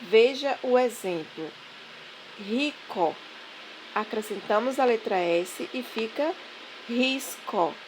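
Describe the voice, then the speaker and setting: A woman teacher giving a language lesson, dictating syllables slowly and clearly. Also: a little high, lively intonation, noisy background. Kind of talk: online classroom lesson.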